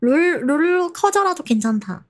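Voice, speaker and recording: A woman's voice: very high-pitched, very animated, unhurried. A woman chatting casually and playfully as she streams a game. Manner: playful, giggly. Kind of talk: casual gameplay chat.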